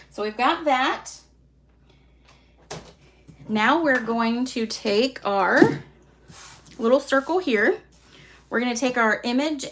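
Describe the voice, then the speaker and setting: A woman with a Southern accent hosting a live card-making class, chatty and relaxed, poking fun at herself. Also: a little high. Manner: chatty, relaxed, self-deprecating. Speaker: craft class host.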